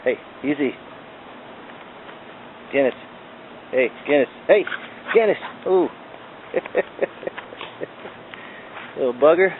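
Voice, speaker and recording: A man's voice: on the high side, lively intonation, drawn-out words, pauses often. A man in his back yard talking playfully to his dog while filming it on a handheld camera. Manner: playful, coaxing baby talk to a dog. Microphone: handheld video camera. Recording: tinny lo-fi camera audio, faint outdoor noise.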